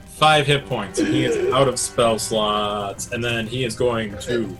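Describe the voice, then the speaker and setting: Brief: male game master, bright tense tone, relaxed quick rulings. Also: mid-range voice, soft background music. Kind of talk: narrating a tabletop game.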